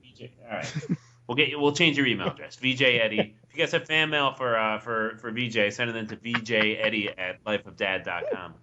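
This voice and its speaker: A man's voice: on the low side, a little fast, background noise. A man co-hosting a casual podcast, talking in a loose, rambling, playful way. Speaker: podcast co-host. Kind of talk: casual chat. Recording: dull lo-fi sound.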